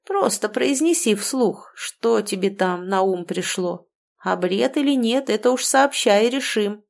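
A woman voicing a kindly, fretful old grandfather who speaks gently and soothingly in an audiobook. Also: mid-range voice, normal speed, creaky. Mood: calm musing.

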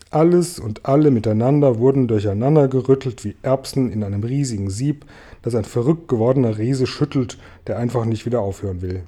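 A man reads a children's story aloud with an unusually dark, mellow voice. His delivery is lively and expressive, speeding and slowing with the action. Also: mid-range voice. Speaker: reader. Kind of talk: reading a children's book aloud.

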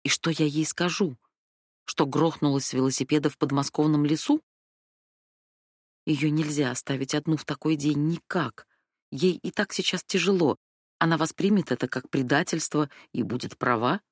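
A woman's voice: low-pitched, normal speed, no room sound, studio quality. A woman narrating an audiobook in the first person, telling the story anxiously and with emotion.

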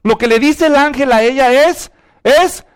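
A man preaching an animated sermon and calling on the congregation to answer aloud. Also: very high voice, a little slow. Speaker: pastor.

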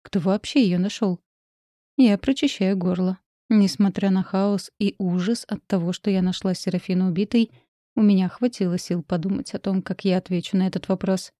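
A woman narrating a first-person story in a measured, tense audiobook reading. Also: medium pitch, steady tone, warm tone, no echo, clean studio sound.

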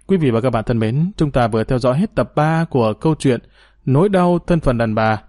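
A man reading a serialized story aloud in a calm, measured, formal storytelling manner as the program's host. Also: medium pitch, dry recording, studio quality. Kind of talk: scripted story narration.

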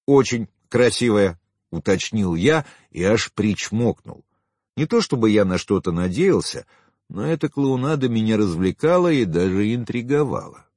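A man reads a first-person audiobook with wry, expressive delivery, his low voice swinging widely in pitch. The tone is husky and the recording dry and close. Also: normal speed, no room sound. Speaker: audiobook narrator.

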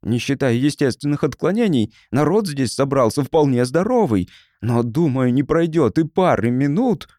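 A man's voice: medium pitch, sing-song, moderate pace, dark tone, dry recording, natural voice. A man voicing a thin, timid and very polite little man with a reedy voice, in an audiobook. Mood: polite puzzlement. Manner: very polite, puzzled.

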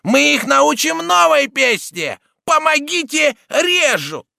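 A man voicing a ragged, foul-mouthed woman brawler who screeches and yells. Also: very high voice, sing-song, takes it slowly, vocal fry, dry recording, studio quality, pitched above the performer's own voice, heavily acted. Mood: screeching. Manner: screeching, yelling.

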